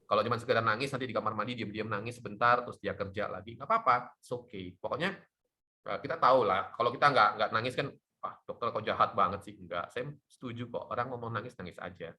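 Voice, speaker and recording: Man, middle-aged, doctor, bright forceful voice, animated talk show explaining. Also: on the low side, fast. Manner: lively, animated explaining with laughs. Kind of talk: talk show health chat.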